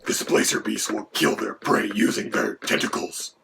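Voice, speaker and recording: A man doing a gravelly whispering dragon. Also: lowish voice, moderate pace. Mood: matter-of-fact. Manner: mock-menacing, then lecturing in turn with the host. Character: gravelly menacing male dragon, co-host. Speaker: co-host. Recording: background noise.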